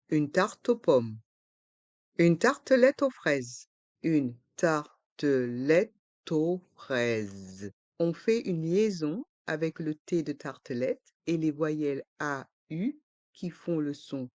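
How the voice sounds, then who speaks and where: Very slow pronunciation teacher. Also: medium pitch, a little mellow, dry recording. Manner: repeats each word slowly and spells out letters.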